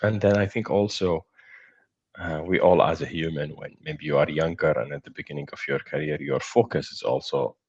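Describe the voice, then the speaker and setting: A man who is a guest on an interview over a video call speaks in a measured, reflective way, still in his morning voice. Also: a bass voice, lively intonation, creaky, breathy edge. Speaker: guest, startup founder. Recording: muffled video-call audio.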